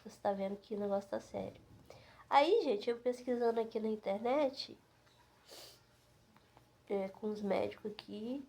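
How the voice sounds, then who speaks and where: A woman's voice: a little high, warm tone. Middle-aged woman vlogging at home, chatty, keeps checking in with her viewers. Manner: chatty, many fillers and asides to viewers. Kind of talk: casual chat to camera.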